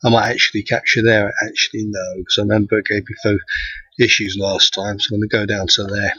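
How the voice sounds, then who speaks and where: A man, an amateur astronomer, gives a live how-to commentary outdoors, thinking aloud as he works, his voice thin and tinny with no bass. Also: flat delivery, quick pace, bright, forceful tone, husky, dry recording. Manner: thinking aloud while working. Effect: thin tinny sound with no bass. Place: outdoors at night. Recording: dull lo-fi outdoor recording.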